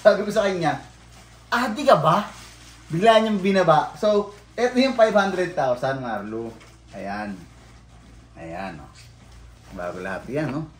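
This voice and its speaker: A man in a casual vlog, ranting bluntly and swearing freely, swinging between mumbled low asides and loud outbursts. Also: animated, a little slow, long pauses, echoey room. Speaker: vlogger.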